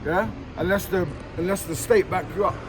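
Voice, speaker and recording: A man's voice: sits high, fairly quick, over a noisy crowd. A man, a passer-by chatting on the street, tagging nearly every sentence with "yeah?" and "you get me?". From England. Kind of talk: street conversation. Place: outdoors on a busy street. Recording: loud traffic noise outdoors.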